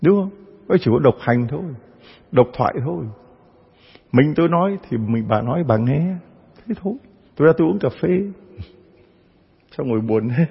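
Gravelly-voiced priest preaching in a church. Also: male voice, fairly high pitch, lively intonation, a little fast, pauses often. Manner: storytelling, acts out parishioners' voices. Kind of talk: sermon. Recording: dull sound with long church reverb.

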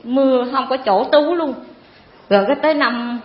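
A woman, giving a rambling, earnest personal testimony to a priest. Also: high-pitched. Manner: rambling, earnest, fills pauses with "cái" and calls the priest "cha". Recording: echoey, dull hall sound.

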